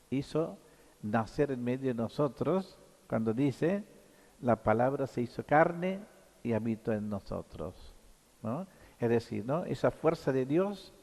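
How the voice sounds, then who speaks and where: Male priest, mid-pitched, halting sermon full of tag questions, long church echo. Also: darkish tone. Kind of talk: sermon at Mass.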